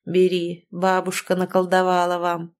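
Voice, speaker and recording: A woman voicing a gentle, wise old grandfather who speaks softly and slowly to his granddaughter. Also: on the low side, completely flat delivery, lightly acted. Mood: tender.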